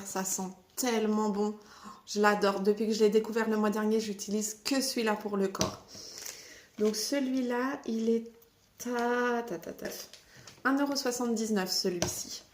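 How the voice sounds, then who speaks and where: A woman's voice: medium pitch, roomy sound. A woman in her thirties chatting through a casual shopping haul video, showing items one by one. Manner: chatty, lively, shows products one by one. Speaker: vlogger. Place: home.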